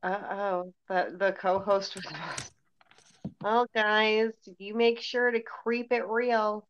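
A woman's voice: mid-range voice, fairly even intonation, takes it slowly, slight background noise. A woman co-hosting a horror movie podcast, casual and sarcastic, teasing her co-host and swearing freely. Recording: dull lo-fi sound.

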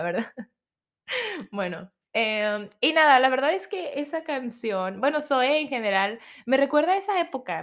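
A young woman with a Mexican accent, telling a personal story in casual, chatty storytelling. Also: medium pitch. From Guadalajara, Mexico. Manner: chatty, animated, acts out quoted voices.

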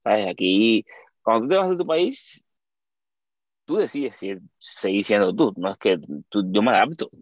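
A man's voice: on the low side, a little slow, no echo. A man from Cuba with a Cuban accent, a guest talking casually in an interview and often tossing in tag questions. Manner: animated, lots of tag questions. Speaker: guest, YouTuber.

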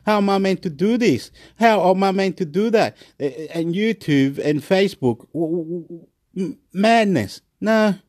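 Excitable man ranting. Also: high-pitched, measured pace. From Chile. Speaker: YouTube vlogger. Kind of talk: rambling angry rant.

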